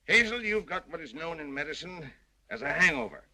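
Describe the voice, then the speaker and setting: An actor playing a crusty, wily old doctor in brisk, wry 1930s screwball comedy film banter. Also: male voice, on the high side, very animated, noisy background. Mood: wry, coaxing. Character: crusty, wily old small-town doctor, unbothered fraud.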